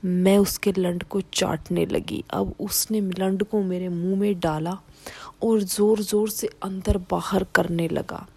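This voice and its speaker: A woman telling a first-person story in a hushed whisper. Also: mid-range voice, steady tone, takes it slowly, husky, no room sound.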